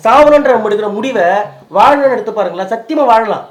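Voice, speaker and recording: A man's voice: very high-pitched, expressive, fast. A man who is crying as he pleads with his wife and tries to reassure her. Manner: tearful, pleading and consoling. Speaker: husband in a staged prank video. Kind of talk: emotional scripted couple conversation.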